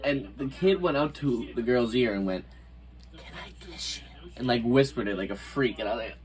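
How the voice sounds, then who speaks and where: A young adult man chatting casually as a vlog guest, laid-back and halting, with slangy wording. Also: medium pitch, a little mellow. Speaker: guest boyfriend. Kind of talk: casual chat.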